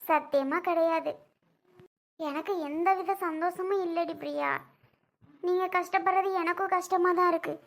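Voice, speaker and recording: A woman playing a gentle elder sister-in-law who pleads softly and tries to soothe. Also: extremely high pitch, fairly even intonation, normal speed, long pauses. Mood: pleading.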